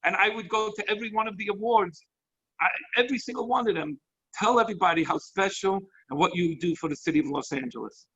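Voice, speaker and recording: A man hosting as a rabbi over a video call, effusive and excitable, jumping between thoughts. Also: high-pitched, fast, breathy edge. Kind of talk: enthusiastic hosting. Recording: muffled lo-fi online call audio.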